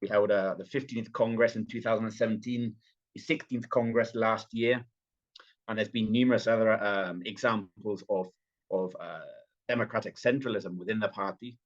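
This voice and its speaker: Through a muffled recording comes a lowish male voice with fairly even intonation at normal speed. The speaker, a British party official with a slight Venezuelan tinge to his accent, is a guest in a remote podcast interview, fluent but prone to fillers and restarts.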